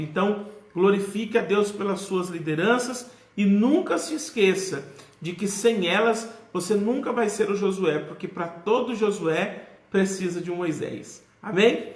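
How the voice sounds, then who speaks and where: A man's voice: high-pitched, reverberant. A man with a Brazilian Portuguese accent teaching a youth Bible lesson in a preacherly way, calling on his class for amens. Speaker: Sunday school teacher.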